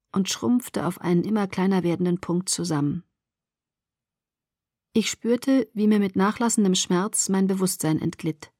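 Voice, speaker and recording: A woman narrating a first-person novel for an audiobook, following the drama and dropping almost to a whisper in quiet passages. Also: on the low side, no echo, studio quality.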